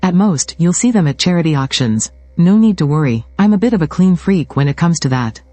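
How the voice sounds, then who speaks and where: A man's voice: fairly high pitch, lively intonation, brisk, dark tone, dry recording, faint music behind, natural voice. A man voicing a modest, self-assured young male mystic healer in his own everyday voice. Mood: calm.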